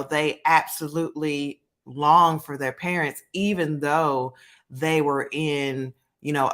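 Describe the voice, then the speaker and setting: A woman in her thirties talking casually as the host of a commentary channel, with many pauses and fillers. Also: deep voice, fairly bright tone.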